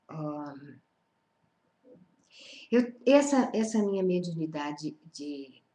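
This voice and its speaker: A woman's voice: lowish voice, darkish tone. A woman leading a spiritual study group, talking informally and repeating phrases as she checks in with her listeners. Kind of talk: informal spiritual teaching talk. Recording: roomy echo.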